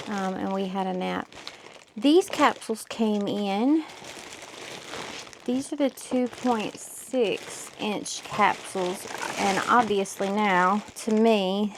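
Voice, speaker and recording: A woman with a mid-height, gravelly voice chats casually in a home vlog, thinking aloud as she works. Loud crinkling and clicking noises sit behind her voice. The recording is plain home video. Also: medium pitch, takes it slowly, noisy background. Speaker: crochet vlogger. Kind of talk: casual studio vlog chat.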